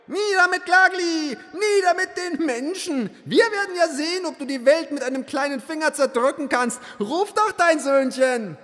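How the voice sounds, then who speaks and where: Brief: squeaky enraged swarm of little beings, shrieking high and wild, audiobook. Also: male voice, big pitch swings, slow pace, in a large hall, exaggerated voice. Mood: furious shouting. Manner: shrill, shouting, indignant. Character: crowd of tiny outraged bubble-world beings.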